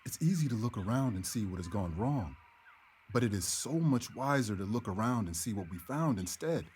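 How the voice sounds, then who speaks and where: A man playing an earnest, calm healer in a stagey period drama, speaking in measured, formal phrases. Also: lowish voice, a little hiss or hum, natural voice. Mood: earnest, persuasive. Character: earnest young male healer, calm and devout believer in elders.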